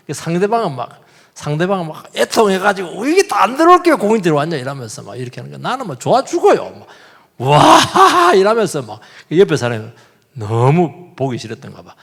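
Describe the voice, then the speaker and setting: A middle-aged male pastor, preaching an animated sermon and swinging between loud outbursts and hushed asides. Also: mid-range voice, creaky, slightly rough. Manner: animated, acts out quoted voices, shifts between loud and hushed. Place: church sanctuary. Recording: long church reverb.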